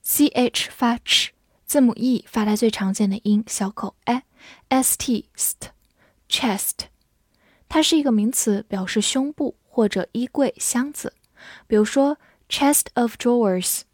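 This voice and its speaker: A woman with a fairly high voice leads a scripted vocabulary lesson. She spells each word letter by letter and reads the example sentences slowly so learners can repeat them. The sound is dry and close, with almost no room echo. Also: darkish tone. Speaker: English vocabulary teacher.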